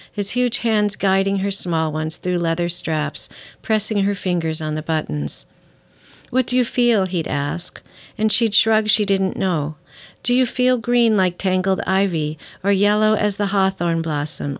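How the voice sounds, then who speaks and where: A middle-aged woman author in an interview, talking about her novel and reading a passage from it aloud at a measured pace. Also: lowish voice.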